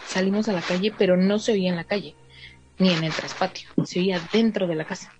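Speaking briskly over music in a fairly low pitch, a Mexican Spanish-accented woman relays a story to a listener in a casual, chatty way. She fills gaps with "o sea," adds little asides, and plays out the dialogue herself. The sound is a bit dull, with faint noise.

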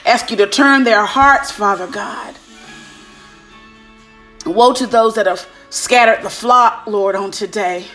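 A woman's voice: mid-range voice, takes it slowly, pauses often, bright, forceful tone. A woman praying aloud like a preacher, fervent and commanding, punctuating her phrases with repeated invocations of God. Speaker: preacher leading prayer. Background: music.

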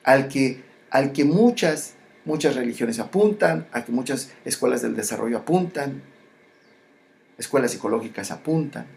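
In a reflective spiritual monologue, the speaker moves slowly, repeating phrases and often pausing and restarting. The voice is medium-pitched, animated and creaky, with a darkish tone.

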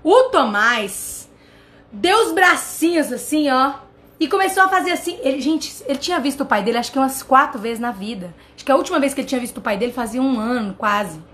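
Brazilian-accented woman, high pitch, animated vlog host telling a personal story to camera. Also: fairly quick. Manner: animated, addresses viewers directly. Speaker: channel host.

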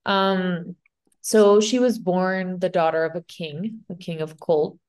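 Woman, Spanish accent, somewhat low voice, casual podcast co-host who rambles and restarts as she tells a story. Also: fairly even intonation, takes it slowly, a little mellow, clear, resonant tone. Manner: rambling, unsure, lots of "like" and restarts. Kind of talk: casual chat retelling a myth.

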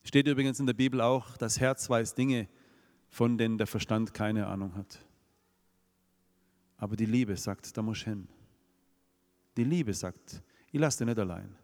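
A man's voice: fairly low pitch, measured pace, pauses often, a little mellow. A man with a Swabian accent preaching a sermon, asking the congregation rhetorical questions. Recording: long reverb of a hall.

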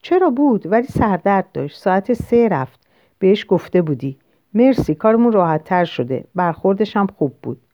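A woman's voice: mid-range voice, very animated, natural voice. Woman reading as a chatty young female colleague. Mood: casual. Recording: dull lo-fi dry recording.

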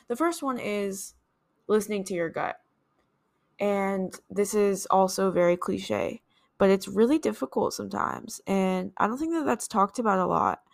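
A woman hosts a solo podcast, thinking aloud in an earnest, reflective way with some restarts. Her voice is mid-range with vocal fry.

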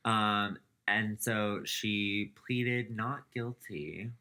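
A man's low, pushed and bright voice draws out its words as he co-hosts a podcast. Casually recounting celebrity gossip, he laughs through the telling and trails off with "um."

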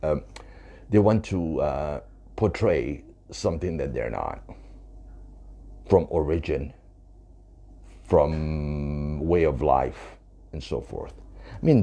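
Very deep gravelly man, emphatic. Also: dark tone. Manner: emphatic, repeating points. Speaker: author. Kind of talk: talking to camera about his book.

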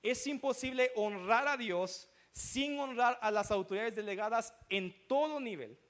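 High-voiced man preaching a sermon. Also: unhurried, fairly bright tone. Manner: preaching with rhetorical checks to the congregation. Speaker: pastor.

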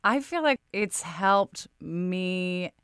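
A Californian woman with vocal fry, telling personal stories in a casual, conversational way. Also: fairly low pitch, animated, extremely slow, fairly bright tone, dry recording, studio quality. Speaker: podcast co-host appearing as guest. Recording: guitar music under the voice. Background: guitar music.

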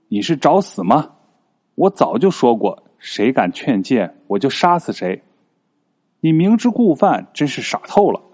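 A man doing a bold, lively young king. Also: mid-range voice, unhurried, breathy edge. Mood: angry. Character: young male king, playful then resolute.

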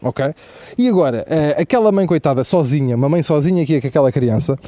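Rapid, profane Portuguese comedian. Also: male voice, a little high, no room sound. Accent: European Portuguese. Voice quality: profane, animated storytelling with asides. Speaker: comedian host. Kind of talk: stand-up comedy monologue.

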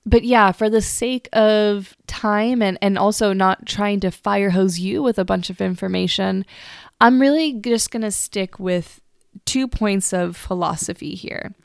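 A woman's voice: mid-range voice, fairly even intonation, measured pace, creaky, clear, resonant tone, dry recording. A young woman in her twenties hosting a solo podcast, talking in an earnest, chatty way that often repeats words as she restarts. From United States. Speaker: podcast host. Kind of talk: casual solo podcast talk. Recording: dry close recording.

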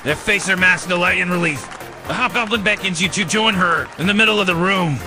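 A man's voice: high voice, brisk, music in the background, crowd noise. A man reading scripted fantasy adventure narration. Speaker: scene narrator.

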